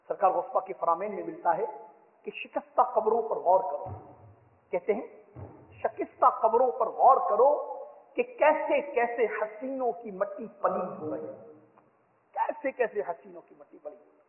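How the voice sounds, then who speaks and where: High-pitched preacher in an echoey hall. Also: male voice. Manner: rousing, repetitive exhortation, leads the crowd in vows. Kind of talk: sermon. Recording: echoey hall, tinny phone-like sound.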